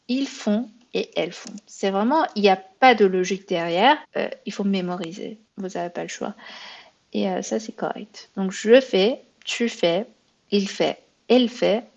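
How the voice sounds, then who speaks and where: A patient French teacher leads a beginner language lesson, walking learners through grammar drills without hurry while musing aloud and correcting herself. Her medium-pitched voice sits in a middle register, captured on a slightly dull, lo-fi recording.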